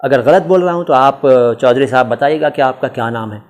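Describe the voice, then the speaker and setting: A man from India hosts a relaxed question-and-answer lesson, explaining words to his viewers. His delivery is chatty and teacherly, with playful self-quizzing asides, and his voice sits at a middle pitch for a man. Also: a little fast. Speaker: language channel host answering viewer questions. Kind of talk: casual Q&A explainer.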